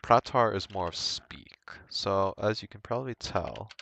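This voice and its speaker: A young man giving an informal language lesson, thinking aloud in a halting way and correcting himself as he goes. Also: on the low side, lively intonation, vocal fry, fairly bright tone, no echo. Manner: hesitant, halting, self-correcting. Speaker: language tutor.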